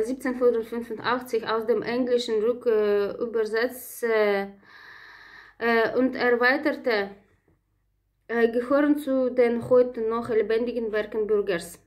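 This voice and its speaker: A woman reading a prepared lecture aloud from notes, with frequent hesitations and small self-corrections. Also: fairly high pitch. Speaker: presenter of a literature talk.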